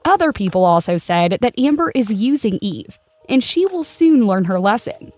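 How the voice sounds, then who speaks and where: A woman's voice: mid-range voice, sing-song, normal speed, darkish tone. Woman narrating over music. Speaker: narrator of a celebrity news channel. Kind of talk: scripted narration.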